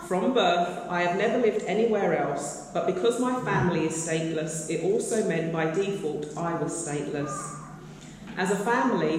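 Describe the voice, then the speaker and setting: A woman reading a written personal account aloud to a gathering in a steady, measured way. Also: fairly low pitch. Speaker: missionary giving a report. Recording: echoey hall, mic far off, faint noise.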